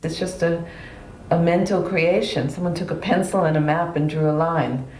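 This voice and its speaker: Woman with a lowish voice for a documentary interview, calm and reflective, roomy sound. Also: moderate pace, slight background noise.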